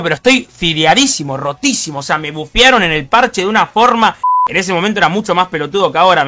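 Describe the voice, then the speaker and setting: A young man with a Rioplatense accent telling a comic personal anecdote in a slangy, animated way. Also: high-pitched. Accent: Rioplatense Spanish. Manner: slangy, animated, rapid-fire storytelling. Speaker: storyteller.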